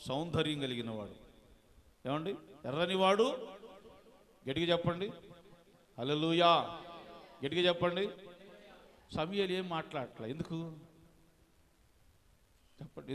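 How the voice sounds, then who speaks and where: A man's voice: high voice, a bit bright. A man preaching a sermon as a pastor, calling on the congregation to answer and mixing in English words. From India. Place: church hall. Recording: long hall reverb.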